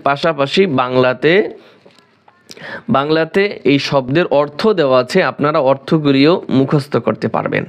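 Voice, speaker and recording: A man with a Bangladeshi Bengali accent teaches a spelling drill in a fairly high voice. He is patient and methodical and breaks each syllable down one by one. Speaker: Quran reading teacher.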